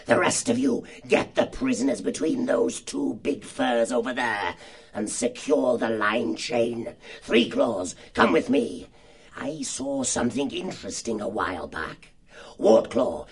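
Villainous fox boss, husky and rough, menacing and drawn out. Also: male voice, medium pitch, expressive, voice pushed up, full character voice. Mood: commanding. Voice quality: gravelly, raspy snarl. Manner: barking orders, slow and menacing. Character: cruel gravelly male fox warlord.

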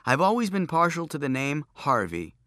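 Man reading a calm dry-humored young man, unhurried, bright tone, storybook. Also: fairly high pitch, dry recording, pitched above the performer's own voice. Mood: wry.

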